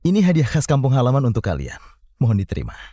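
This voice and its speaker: A man voicing an eager young man who flatters and charms in a dubbed drama. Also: mid-range voice, fast talker, no room sound, studio quality. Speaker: young man the wife chooses to help.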